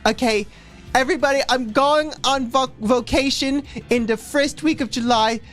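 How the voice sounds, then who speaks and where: A livestream co-host with a voice that sits high reads fan fiction in a mock-dramatic way at normal speed, theatrical and stumbling over words, adding asides. Faint music plays behind her.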